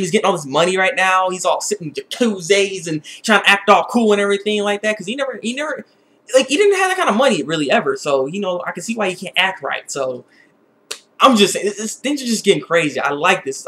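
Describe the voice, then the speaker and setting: In a high-pitched voice, a man rambles excitably through a casual episode review, voicing strong opinions and often repeating himself word for word.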